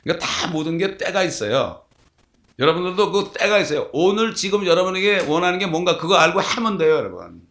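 A man's voice: sits high, sing-song, brisk, a bit bright. A male pastor preaching a sermon, telling stories and asking the congregation rhetorical questions.

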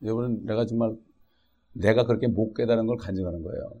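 A man with a somewhat low, gravelly voice preaches a sermon. He reads scripture aloud and then speaks to the congregation in an animated, conversational way, tossing out quick rhetorical questions. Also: lo-fi sound. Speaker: pastor.

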